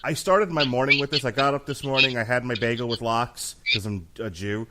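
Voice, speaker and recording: A man's voice: medium pitch, fairly quick, sharp tone. A man with a mid-range voice hosts a boxing talk show. He speaks casually and jokingly, slipping into mock-formal flourishes as he steers his co-hosts. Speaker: host of a boxing commentary show.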